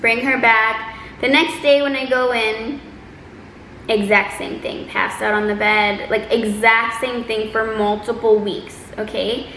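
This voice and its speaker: Woman, higher-pitched voice, chatty vlog storytelling, animated delivery, roomy echo, faint noise. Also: unhurried. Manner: animated, exaggerating delivery with acted-out quotes. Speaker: vlogger telling a personal story.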